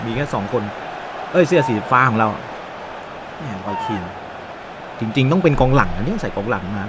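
A man giving excited, animated play-by-play commentary on a football video game, with frequent exclamations and a Thai accent. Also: mid-range voice, brisk, background noise. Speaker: gaming YouTuber.

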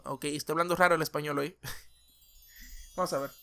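Excitable man shouting over gameplay. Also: a little high, normal speed, gravelly. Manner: excitable, rambling, shouts at the game. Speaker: gaming channel host. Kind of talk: let's-play gameplay commentary. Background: game music.

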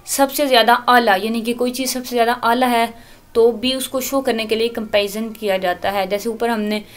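A woman lecturer explains English grammar in Urdu, her voice sitting a little high. She slows right down to read each English example aloud and often stops to correct herself. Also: fairly even intonation. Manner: corrects herself mid-sentence. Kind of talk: recorded lecture.

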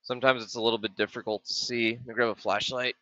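In a casual screen-share walkthrough, a middle-aged maker goes over a chip datasheet and circuit board at a quick pace, thinking aloud with frequent ums and restarts. He speaks at medium pitch with little pitch movement, in a bright, forceful tone, over dull, dry, lo-fi webcam audio.

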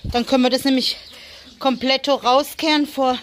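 A woman's voice: high voice, steady tone, moderate pace. A German woman vlogging casually on a small farm, chatting and cooing at her animals and kids. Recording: faint farmyard noise, chickens.

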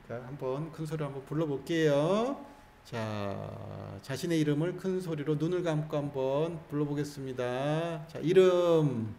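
A male Buddhist monk with a fairly high voice leads a temple congregation through a guided practice, playful and coaxing. His words ring around a roomy hall, with a faint hum of room sound behind him. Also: normal speed, vocal fry, dark tone. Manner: playful, coaxing, jokes with the audience. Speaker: Buddhist monk giving a Sunday dharma talk. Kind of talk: sermon with guided call-and-response practice.

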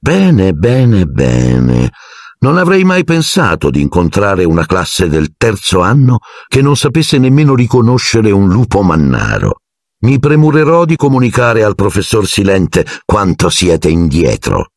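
A man's voice: lowish voice, wildly swooping pitch, a little slow, dry recording, studio quality, pitched above the performer's own voice, exaggerated voice. A man voicing a cold, sneering male teacher who speaks with icy, silky menace in an audiobook. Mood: icy contempt.

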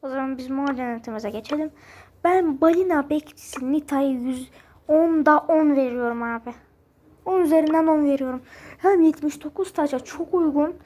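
Woman gaming host, high voice, excitable, chatty commentary to viewers, noisy home recording. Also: normal speed. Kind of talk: casual gameplay commentary to viewers.

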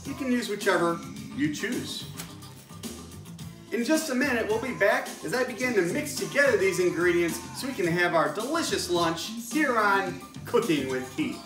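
A man's voice: high voice, animated, normal speed, over music. Man demonstrating home cooking. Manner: folksy, step-by-step explaining while stirring. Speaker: home cooking show host. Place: home kitchen indoors.

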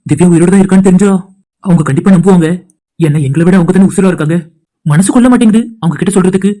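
Casting: man doing a fast-talking anxious dad in a cartoon, fretting aloud. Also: high voice, mellow, natural voice. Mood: worried. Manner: anxious, talks to himself. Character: worried father of a lost daughter. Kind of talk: cartoon voice acting.

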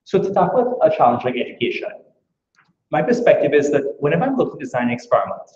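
Speaking fast with big swings in pitch, a Trinidadian man from Trinidad and Tobago gives an earnest conference talk full of rhetorical questions. His voice is slightly high and a bit mellow, and he is an academic speaker in a lecture room. The sound is echoey and dull.

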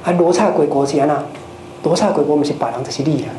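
A Buddhist dharma teacher giving a lively lecture, often turning to the audience with rhetorical questions. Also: medium pitch, fast talker. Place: lecture hall of a Buddhist society. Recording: roomy hall with faint noise.

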